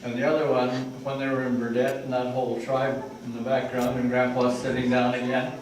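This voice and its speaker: A man's voice: medium pitch, completely flat delivery, a little fast. An older man giving an informal family history talk, rambling with asides and restarts, recorded from a distance in an echoey room with background noise.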